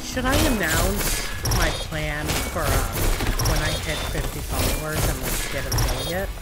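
A woman's voice: low-pitched, lively intonation, a little slow, very noisy. A woman streaming a game, reading its text aloud and chatting casually with a co-host. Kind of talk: casual gaming stream chat. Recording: game music playing behind.

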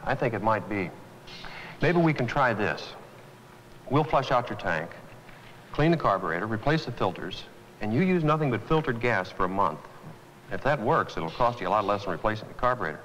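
A man's voice: on the low side, animated, normal speed, a bit bright, big-room sound, slight background noise, poor audio. A man playing a mechanic in a 1980s training film, patiently asking questions and offering a fix. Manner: patient, reassuring, helpful. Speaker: mechanic serving a customer. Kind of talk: 1980s educational film acting.

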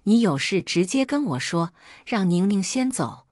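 A woman's voice: mid-range voice, big pitch swings, measured pace, darkish tone, no echo, studio quality. A woman voicing a possessive angry husband. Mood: demanding. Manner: demanding, accusing.

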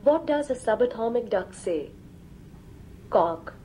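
Played from a small smart speaker in a room, a text-to-speech female voice slowly answers questions in a polite, even, machine-read way. Her pitch leans high. There's slight background noise.

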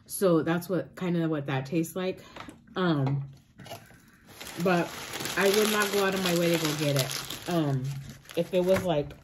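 A woman vlogger chatting casually as she reviews pizza, pausing often with fillers and "like". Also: fairly low pitch, slight background noise. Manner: hesitant, many fillers and "like". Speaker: mukbang vlogger. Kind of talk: casual food review chat.

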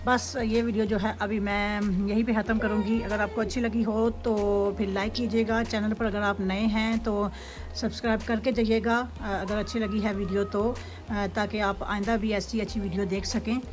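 Woman from Pakistan, casual home vlog, slightly high voice, unhurried delivery, phone mic at an open door, music under the voice. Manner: slow, thoughtful, with many fillers. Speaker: vlogger filming her garden in the rain. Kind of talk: casual vlog chat, switching between English and Urdu. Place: at an open back door of a house, looking onto a garden. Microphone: phone camera held in hand.

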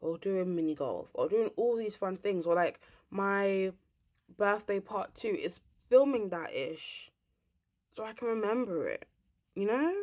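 A woman's voice: mid-range voice, animated, unhurried, darkish tone. A young woman from England, ranting casually to camera as a vlogger, rambling and swearing bluntly.

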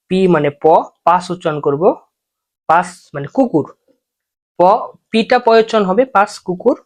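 Patient teacher spelling out foreign letters. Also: mid-range voice. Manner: patient, repeats example words slowly for learners. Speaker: language teacher. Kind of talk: spoken alphabet lesson.

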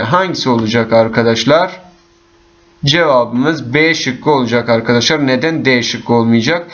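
A man's voice: mid-range voice, fairly bright tone, muffled recording. A male teacher walking through exam questions one by one, patiently reading each option aloud to his students. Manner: patient, addresses class as friends, reads options aloud. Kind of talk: exam walkthrough lesson.

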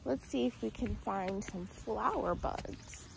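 With a medium-pitched voice, slow delivery, and some vocal fry, a woman in her twenties addresses young children like a teacher on a nature walk, using simple sing-song phrases and questions. She's outdoors in a residential yard, recorded by a handheld phone at arm's length amid a noisy background.

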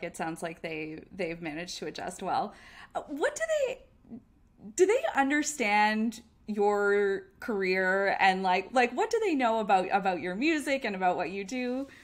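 A woman hosting an interview, asking friendly questions with many pauses and restarts. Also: mid-range voice, very animated. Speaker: podcast host.

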